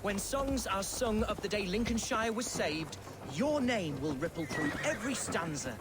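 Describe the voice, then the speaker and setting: An eager, high-voiced young medieval lord. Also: male voice, lively intonation, normal speed, heavy background noise. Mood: earnest. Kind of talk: dramatic video game acting. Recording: loud game music over the voice.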